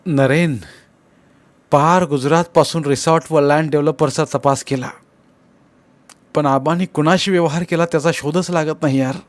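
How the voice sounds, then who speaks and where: A man's voice: fairly high pitch, fairly even intonation, moderate pace, pauses often, dry recording, pitched above the performer's own voice, lightly acted. A man playing a friendly, encouraging young man.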